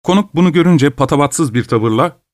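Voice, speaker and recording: A man narrating a short story in a measured, even storytelling manner. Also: fairly high pitch, dry recording, studio quality.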